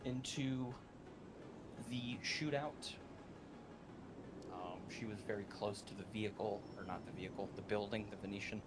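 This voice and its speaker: A man's voice: on the low side, normal speed, pauses often, heavy background noise, lightly acted. A man playing a police officer testifying in a courtroom role-play, informal and hesitant as he searches for words. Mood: hesitant, explaining. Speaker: role-player. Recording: loud music behind the voice. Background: loud music.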